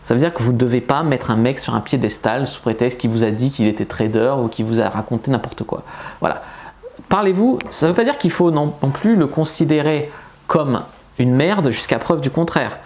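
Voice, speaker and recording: A man's voice: mid-range voice, expressive, moderate pace, a little mellow. A man who works as a dating coach gives blunt, colloquial advice to camera in a casual video.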